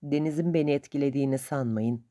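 A woman voicing a greedy, sharp-tongued male boatman who answers back in quick, defiant retorts. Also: rumbling low. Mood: grumbling.

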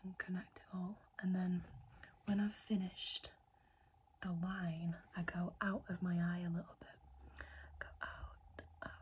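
A young ASMR creator whispers a chatty makeup tutorial, rambling and often correcting herself. Her fairly low voice is flat in delivery, unhurried, and a little mellow, with a little hiss or hum in the recording.

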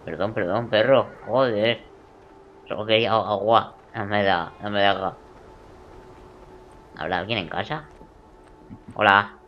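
A man, doing let's play commentary over a video game, jokey and swearing, muttering then suddenly shouting. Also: on the low side, steady tone, slow pace, pauses often, lo-fi sound, a little hiss or hum. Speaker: gaming video creator.

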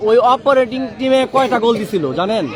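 High-pitched amateur male football commentator. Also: fast. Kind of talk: casual live match commentary with spectator chat. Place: outdoors at a football ground. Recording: outdoor live stream with loud crowd noise. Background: crowd and outdoor noise.

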